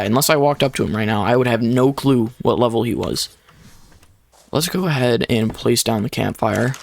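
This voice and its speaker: Young guy w gravelly voice, chatty game commentary, explaining stuff as he plays. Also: mid-range voice, no echo. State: short of breath at times. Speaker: gaming YouTuber. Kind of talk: casual gameplay commentary. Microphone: desk microphone.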